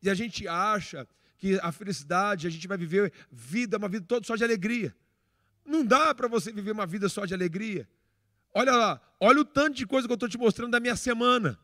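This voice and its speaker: A man's voice: sits high, fairly quick, no room sound, studio quality. A middle-aged Brazilian man preaching a sermon, telling stories animatedly and acting out the dialogue. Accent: Brazilian Portuguese. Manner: animated storyteller, acts out dialogue, frequent restarts. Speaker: pastor. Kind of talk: sermon with personal storytelling.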